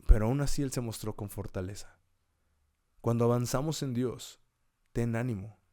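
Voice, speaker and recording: A man's voice: mid-range voice, normal speed, dark tone. Earnest man encouraging his listeners. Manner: earnest, encouraging, repeats key words with rising emphasis; occasional restarts and self-corrections. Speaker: podcast host giving a devotional message. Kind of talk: casual devotional talk.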